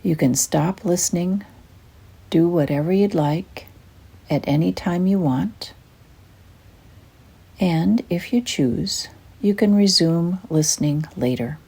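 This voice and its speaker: With a husky, breathy softness and a pitch on the low side, an older woman leads a guided meditation. Her narration is soothing, gentle and unhurried.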